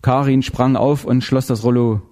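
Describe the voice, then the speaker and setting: A man narrating an audiobook in a measured, dramatic way. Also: mid-range voice, fairly even intonation, dark tone. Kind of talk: scripted narration.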